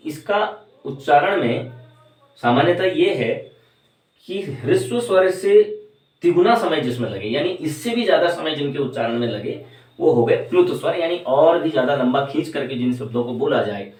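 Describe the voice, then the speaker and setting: A man's voice: on the high side, animated, moderate pace, a little mellow, recorded from a distance. A man teaching an exam-prep lesson at a board. He explains step by step, asking questions and then answering them himself. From Uttarakhand, India. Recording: echoey room, voice from away from the mic.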